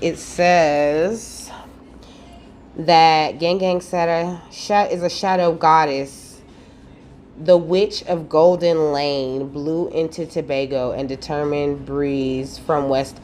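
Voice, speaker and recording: A woman's voice: sits low, fairly even intonation, takes it slowly, a little mellow, slight background noise. A woman giving a casual spiritual card reading, talking loosely, swearing freely and tagging on "okay" again and again.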